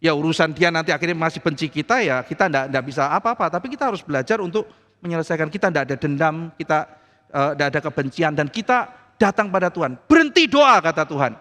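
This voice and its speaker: A man's voice: on the high side, fast, pushed and bright, in a large hall. A man preaching a sermon as pastor in a church, chatty and acting out the voices he quotes. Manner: conversational, acts out quoted voices. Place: church hall.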